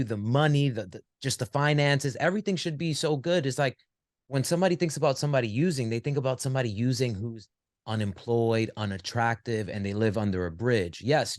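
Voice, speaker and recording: A man's voice: medium pitch, darkish tone, no room sound, clean studio sound. A man hosting an interview show, making emphatic rhetorical points and asking probing questions. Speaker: talk show host, interviewer. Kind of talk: conversational interview.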